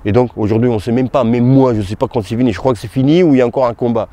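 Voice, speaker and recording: A man giving casual, halting boxing commentary straight to his viewers, as if chatting with a friend. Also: mid-range voice, warm tone. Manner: hesitant, halting, talks to viewers as "tu". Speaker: boxing YouTuber.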